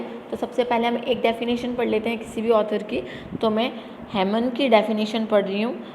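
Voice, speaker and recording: A woman teacher with a fairly high voice lectures to her students, posing questions and answering them, and slows right down to read definitions. She calls her students "beta". The recording sits in an echoey room with a long reverb tail and faint background hiss. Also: darkish tone. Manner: asks questions then answers them herself; reads English definitions slowly and deliberately.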